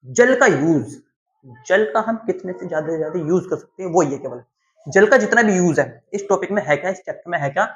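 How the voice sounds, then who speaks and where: A man's voice: high-pitched, expressive, fairly quick. A male teacher from Uttar Pradesh, India, giving a classroom lecture, repeating key terms and asking and answering his own questions. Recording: dull lo-fi sound.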